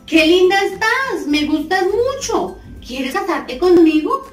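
Lady doing a loud firefly guy from a kids story, high voice, kinda far from the mic. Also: big pitch swings, slow, exaggerated voice. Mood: admiring. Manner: loud, emphatic, pleading. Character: young male firefly, proud then lovesick. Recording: roomy, distant mic, faint music.

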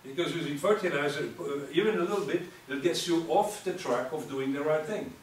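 A man's voice: fairly high pitch, fairly quick. An older man answering as a panelist in a seminar, emphatic and lecturing, often restarting his words. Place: seminar room with audience. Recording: echoey room, distant mic, faint noise.

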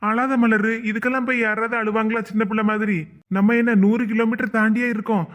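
Cartoon: man voicing a chuckling, teasing young husband, Kanyakumari Tamil accent, high voice. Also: flat delivery, fast talker, a bit bright. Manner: chuckling, coaxing banter. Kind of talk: cartoon voice acting.

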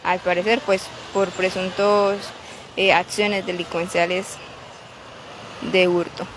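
A woman reporting live from a city street as a local news reporter, pausing often with filler sounds. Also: on the low side, little pitch movement. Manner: halting, many filler "eh"s. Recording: street noise behind the voice. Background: traffic and street noise.

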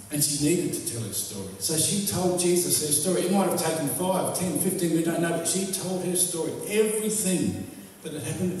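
A man's voice: on the high side, darkish tone, a little hiss or hum. A male pastor preaching a sermon, retelling a story vividly to his congregation. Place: church hall. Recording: echoey hall, distant mic.

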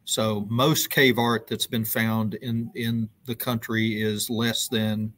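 Halting middle-aged man explaining on a call. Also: on the low side, little pitch movement, a bit bright. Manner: loose, halting delivery with many ums and restarts. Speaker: news reporter interviewed as guest. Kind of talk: conversational explanation on a live web show. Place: indoor room with brick wall. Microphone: video call webcam.

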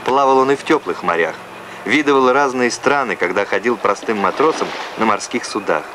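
A man's voice: mid-range voice, expressive, a little fast, background noise. A man reading scripted narration in the manner of an old Soviet newsreel. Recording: old film soundtrack with loud music. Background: loud music.

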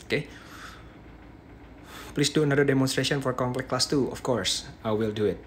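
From a small bedroom, a young man with an Indonesian accent teaches a live dental demo, holding his phone close at arm's length and reading viewer questions. His mid-range voice is a little sore-throated and halting, full of restarts and "yeah" tags. Faint room ambience and slight background noise sit behind him.

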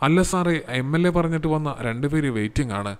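A man's voice: on the high side, expressive, brisk, clear, resonant tone, in a large hall, natural voice. A man voicing a dutiful male police constable who speaks respectfully to his superior. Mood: deferential.

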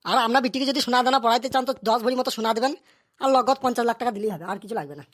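In a comedy cartoon, a performer gives voice to an excitable, scheming village elder who is coarse and quick to scold and bargain. The pitch is medium, the acting light, and the mood is one of haggling.

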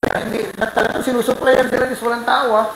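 Pastor preaching in a roomy church, mid pitch, animated storytelling, keeps asking the crowd questions. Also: fast talker, vocal fry, background noise. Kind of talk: sermon.

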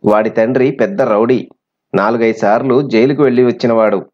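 A man voicing a timid middle-aged schoolteacher who talks in a hurried, placating way. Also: medium pitch, fairly even intonation, darkish tone, close to an everyday voice. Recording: slightly muffled recording.

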